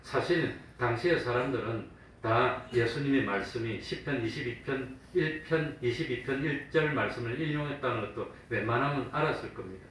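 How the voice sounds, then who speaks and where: Echoey pastor preaching from afar. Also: male voice, medium pitch, a bit bright. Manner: asks the congregation questions and answers them himself; acts out the mockers in a raised, taunting voice. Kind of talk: sermon with call-and-response questions. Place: church sanctuary. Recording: very echoey room from a distance, faint hum.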